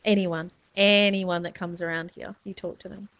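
An older adult woman in casual argumentative chat, speaking articulately and calmly challenging the other speaker. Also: fairly low pitch, normal speed.

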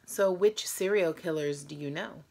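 A woman in her thirties, sounding tired, casually addresses the camera as host of a challenge video filmed in a small room at home. She speaks a little slowly in a low, warm voice touched with vocal fry.

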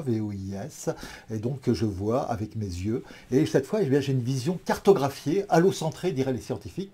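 Guy lecturing, low dark husky voice, lots of ums, walks you through little imagined scenes. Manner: thoughtful, with many fillers. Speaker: teacher. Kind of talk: spoken lecture.

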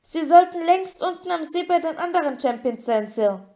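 Woman reading as a male house-elf, squeaky, high-pitched, eager, insistent, audiobook. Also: expressive, normal speed, mellow. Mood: urgent. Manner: insistent, speaks of himself in third person.

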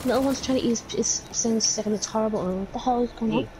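A woman's voice: a little high, fast, background noise. A woman complaining from across a room at home, picked up faintly by someone else's headset mic. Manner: fed-up, complaining. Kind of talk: casual complaint.

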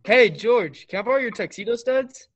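Young man acting a breezy, high-voiced kid brother. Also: lively intonation, moderate pace, fairly bright tone, dull audio, full character voice. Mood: breezy, hurried. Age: young adult. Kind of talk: radio play acting.

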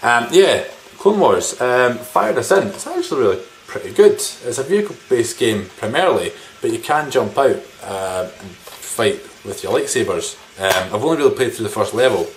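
With a mid-range voice that swings widely in pitch, a man in his thirties talks at a moderate pace with few pauses, showing game pickups to camera. The vlogger is rambling, informal, and mildly sweary, filming in a small living room. The rough recording has background noise and room ambience.

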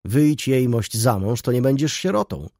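A man reading the part of a coarse, blunt old man in an audiobook, speaking gruffly. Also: mid-range voice, sing-song, normal speed, warm tone, no room sound, studio quality, voice pushed up. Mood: mocking.

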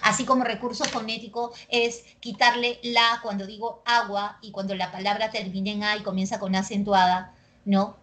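A young woman with a Peruvian accent teaching a language class, lively and constantly checking that students follow along. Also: mid-range voice, a little hiss or hum. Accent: Peruvian Spanish. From Peru. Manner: lively, keeps checking understanding with quick tag questions. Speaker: pre-university language teacher. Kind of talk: recorded class lecture.

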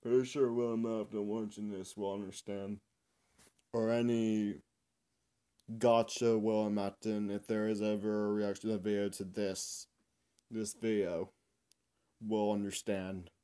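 Animatronic rabbit, male, man voicing, unhurried and clear, nursing an injury. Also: on the low side, flat delivery, dark tone, lightly acted. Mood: rueful. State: complaining of pain from springlock. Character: animatronic rabbit reacting to comedy clips, male. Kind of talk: fan reaction voice acting.

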